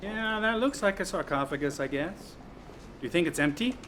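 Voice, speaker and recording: A man's voice: sits high, lively intonation, normal speed, a bit bright, slight background noise. An actor playing a man who muses about swamp animals and old mysteries. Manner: explanatory, musing.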